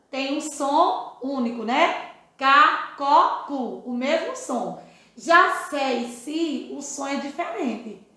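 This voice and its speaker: A woman teaching a children's phonics class with a Brazilian Portuguese accent. Her voice sits high and her pace is slow and deliberate, stretching syllables in a sing-song drill. She checks in constantly with the little ones, and the recording sounds heavily echoey, as if made in a bare room. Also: fairly bright tone. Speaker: first-grade teacher.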